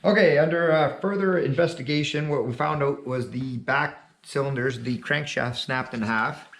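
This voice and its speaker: A man's voice: mid-range voice, normal speed, a bit bright. Man, laid-back rambling talk, losing his voice, fillers, echoey room. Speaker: channel host. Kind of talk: casual video chat.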